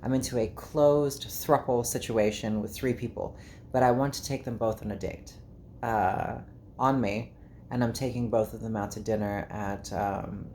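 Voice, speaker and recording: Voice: mid-range voice, fairly even intonation, moderate pace, mellow, a little hiss or hum. A vlogger with a South African accent, talking to camera in a candid, rambling, chatty way. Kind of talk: casual monologue to camera.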